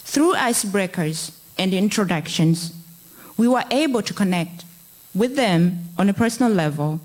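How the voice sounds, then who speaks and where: A woman's voice: mid-range voice, lively intonation, moderate pace, darkish tone, poor audio. A young woman from Tanzania, a nursing student reading her part of a prepared presentation in a plain, orderly way.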